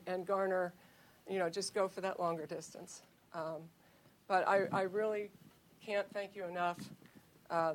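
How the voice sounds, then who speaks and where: A woman's voice: medium pitch, slight background noise. A woman cross country coach giving a speech at a team event, rambling with many fillers and restarts.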